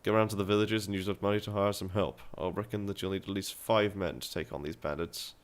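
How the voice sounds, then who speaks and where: Guy doing a shrewd medieval merchant, low voice, smooth talker pitching a job, game dialogue read aloud. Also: fairly even intonation, quick pace, close to an everyday voice. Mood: scheming. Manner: persuasive, businesslike, read aloud with put-on rural and London accents. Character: scheming middle-aged male town merchant.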